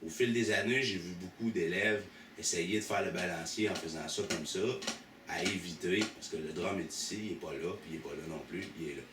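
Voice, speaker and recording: Man, Québécois French accent, low voice, drum teacher, counts strokes aloud, echoey room, distant mic, loud drum hits. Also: fairly quick, noisy background. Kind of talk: drum lesson with demonstrations. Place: drum school studio.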